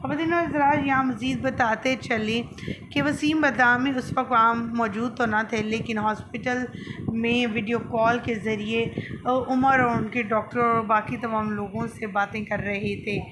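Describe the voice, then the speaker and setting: High-voiced Pakistani woman narrating, noisy recording. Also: steady tone. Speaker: YouTube channel host. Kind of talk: scripted-style news narration for online video. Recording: clearly noisy background.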